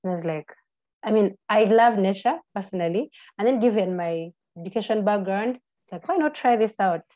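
A woman's voice: mid-range voice, lively intonation. Ugandan woman with slightly muffled audio. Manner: friendly, halting, with restarts and fillers. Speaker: podcast guest, birding tour guide. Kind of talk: casual interview answers.

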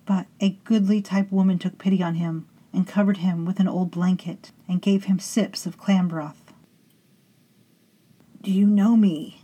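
A woman hosting and narrating a scripted horror story in a hushed, intimate way, sometimes sinking into whispers and calling her listeners beloveds. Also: lowish voice, little pitch movement, normal speed, hardly any pauses, breathy edge, poor audio. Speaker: storytelling host.

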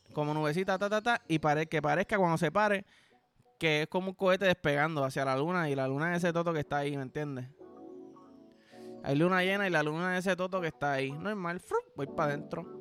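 A man's voice: fairly high pitch, fairly bright tone. A man with a Puerto Rican accent hosting a podcast, rambling through a crude comic monologue in a playful, profane way. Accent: Puerto Rican Spanish. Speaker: podcast host.

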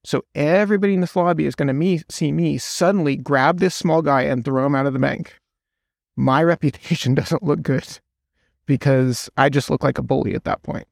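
A man's voice: a little high, moderate pace, gravelly, no room sound, clean studio sound. A man, a podcast guest, explaining at length in casual conversation and telling stories with quoted voices.

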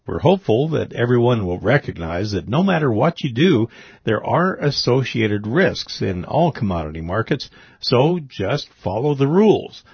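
A man's voice: mid-range voice, very animated, normal speed, gravelly, slightly rough, no echo. A man presenting scripted radio commentary as a report host. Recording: dry, slightly dull audio.

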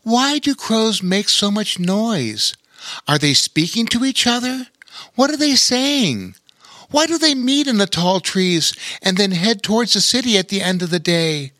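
A man's voice: high-pitched, lively intonation, a little slow, pushed and bright, no room sound, pitched above the performer's own voice, heavily acted. A man voicing a curious young boy who asks questions in a raised voice. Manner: inquisitive, questioning.

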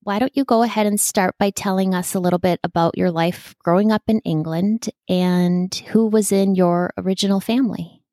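Her medium-pitched voice mellow and steady, a woman hosts a podcast at normal speed, addressing listeners personally and interviewing a guest. The audio is studio quality with no room sound.

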